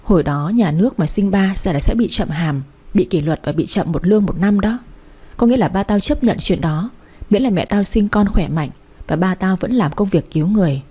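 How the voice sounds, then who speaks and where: A woman's voice: mid-range voice, brisk, dark tone, slightly rough, close to an everyday voice. A woman reading the part of a blunt, loyal young woman who talks to her friend frankly and teasingly. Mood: sorrowful. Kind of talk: audiobook character reading.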